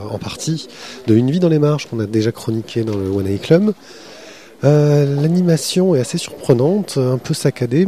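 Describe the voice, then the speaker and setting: A man's voice: mid-range voice, mellow. A man hosting a podcast, interviewing a comic artist at a festival and then chatting about his day there with many fillers.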